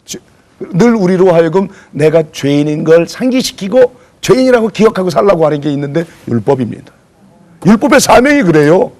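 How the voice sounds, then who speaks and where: A man's voice: sits high, fairly quick. A man preaching a sermon lecture to a congregation, asking them questions and acting out voices as he tells stories. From South Korea. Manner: animated preacher acting out voices, calls for audience replies. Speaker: pastor.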